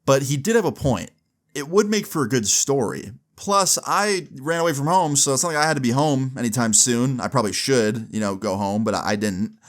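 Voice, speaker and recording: A man's voice: medium pitch, expressive, a little fast. A young adult man telling a personal story casually, in slangy, sweary language, acting out bits of dialogue as he goes. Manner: informal slang-heavy, swearing, acts out dialogue. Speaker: YouTube storyteller.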